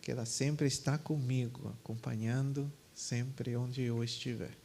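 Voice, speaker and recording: A man's voice: mid-range voice, fairly even intonation, measured pace, creaky, a little hiss or hum, poor audio. A man from Peru with a Peruvian Spanish accent, a pastor speaking Portuguese, chatting with his congregation and then praying fervently. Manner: casual chatty introduction, then fervent loud prayer. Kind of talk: sermon and prayer. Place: church.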